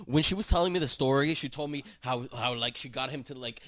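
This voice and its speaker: A man's voice: medium pitch, quick pace, a bit bright. A man co-hosting a casual podcast, chatty and teasing as he tells stories and asks his co-host questions.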